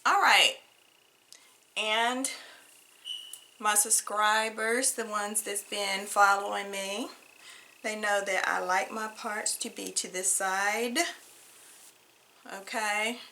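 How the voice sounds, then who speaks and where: Chatty woman drawling bright wig praise. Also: mid-range voice, level tone, takes it slowly, pauses often, slight background noise. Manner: chatty, drawls praise, calls viewers honey. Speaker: wig reviewer. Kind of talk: casual product review vlog. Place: home room with wigs on floor.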